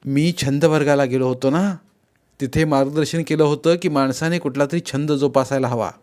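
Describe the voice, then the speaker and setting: A man's voice: on the high side, fairly even intonation, moderate pace, a little mellow, natural voice. A man reading a story aloud, voicing a curious schoolboy who earnestly explains his bird-watching hobby. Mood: explaining.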